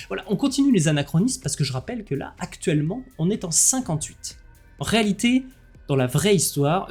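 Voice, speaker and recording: Homme à la voix assez haute, commentant un jeu. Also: male voice, a little high, slightly rough. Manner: lively, joking, with many fillers. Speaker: streamer. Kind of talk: commenting a game live with jokes.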